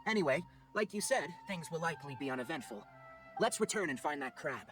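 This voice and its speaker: A man playing a calm, expert young forest ranger and mentor in a video game, speaking in a measured, articulate, instructive way. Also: on the high side, lightly acted. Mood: reassuring. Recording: game music behind the voice.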